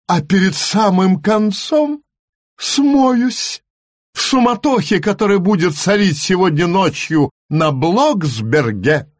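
Storybook little witch: a stubborn, quick-tempered girl, high and petulant, as a man puts her on. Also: no room sound, studio quality. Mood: defiant. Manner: defiant, petulant. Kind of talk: storybook reading.

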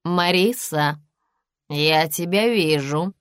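A woman's voice: deep voice, takes it slowly, no room sound, studio quality. A woman voicing a drunk, shrieking middle-aged wife. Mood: shrill, drunk. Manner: slurred, shouting.

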